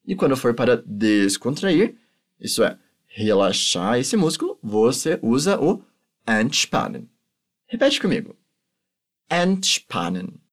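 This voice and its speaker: A male teacher, a native Portuguese speaker, giving a language lesson and patiently drilling phrases slowly for repetition. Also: mid-range voice, huge pitch swings, breathy edge. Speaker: German teacher.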